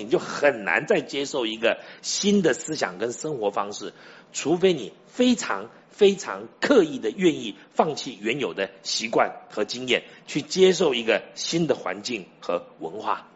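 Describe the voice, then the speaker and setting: A man's voice: mid-range voice, husky, highs cut off. A man preaching a sermon in a conversational way, telling stories and often asking the listeners directly whether they follow. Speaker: pastor.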